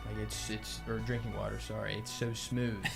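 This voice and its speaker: A man with a creaky, gravelly voice talks casually through a review. He feels his way through sentences and often corrects himself. Faint music plays behind him. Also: fairly low pitch, little pitch movement, normal speed. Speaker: pipe tobacco reviewer.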